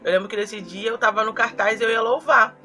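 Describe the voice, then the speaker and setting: A woman's voice: on the high side, steady tone, a little fast, pushed and bright, faint music behind. A young woman from Brazil, a YouTuber telling a personal story in a confessional vlog, earnest and acting out her own quoted words.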